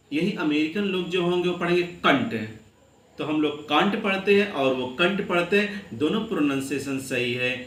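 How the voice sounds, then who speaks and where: Male lecturer with an Uttar Pradesh Hindi accent, patient classroom delivery, spells words aloud, echoey room with faint hum. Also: medium pitch. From India. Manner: addresses students warmly as children. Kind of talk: classroom grammar lesson.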